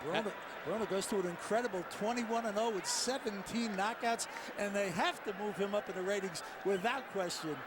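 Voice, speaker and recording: A man analysing a fight as a live boxing commentator, with excitable, blunt, choppy phrasing. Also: high voice, brisk. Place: ringside at a boxing arena. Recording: noisy arena ambience.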